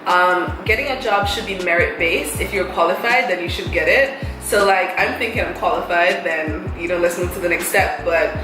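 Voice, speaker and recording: A young woman from Jamaica chats with friends in a relaxed, thoughtful way, pausing on fillers as she explains. Her voice sits a little low. The room is echoey and music plays under her. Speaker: English teacher. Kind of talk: casual chat.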